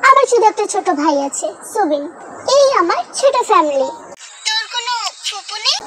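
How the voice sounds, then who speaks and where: Very high-voiced woman voicing a fan drama. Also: a little hiss or hum. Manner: lively, chatty, quick shifts between characters. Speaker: voice actor for an amateur dub. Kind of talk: voicing every role in a fan audio drama.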